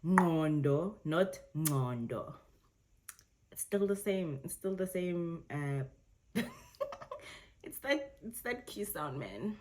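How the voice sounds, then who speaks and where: A woman's voice: on the low side, animated, takes it slowly, long pauses, a little mellow, a little hiss or hum. A young South African woman with a South African accent, reacting casually to tweets in a chatty, self-correcting way, often laughing. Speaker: vlogger.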